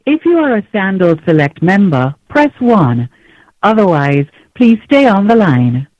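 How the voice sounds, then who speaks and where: A recorded phone menu message reading out a resort greeting and menu options in a measured announcer delivery. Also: mid-range voice, big pitch swings, a little mellow, no room sound. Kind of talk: automated greeting and menu prompts. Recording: tinny phone line.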